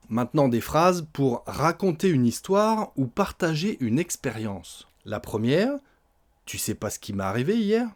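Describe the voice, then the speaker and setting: A man gives a spoken French lesson at an average pitch. He explains everyday phrases, then acts them out in lively little example scenes. He often ends lines with a short tag word. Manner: frequent tag "hein". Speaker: French teacher.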